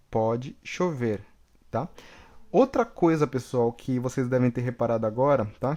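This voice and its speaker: A Brazilian man teaches an English lesson, slowly and patiently repeating every example and checking in with the class. His voice sits in the mid range with a dark tone.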